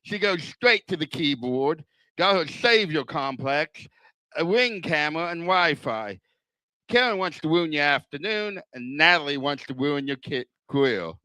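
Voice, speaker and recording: An older man doing stand-up comedy with a slurred, whistling lisp, as if missing front teeth, delivering self-deprecating punchlines deliberately. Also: on the high side, lively intonation, bright, forceful tone, clean tone, no room sound, rough recording.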